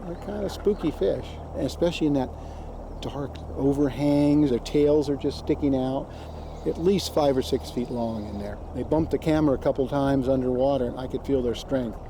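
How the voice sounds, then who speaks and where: Man for unscripted nature documentary field account; emphatic, repeats for stress, clearly noisy water-side ambience. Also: mid-range voice, moderate pace. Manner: emphatic, plain-spoken, repeats himself for stress. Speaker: diver and underwater camera operator. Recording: outdoor location sound, clear background noise.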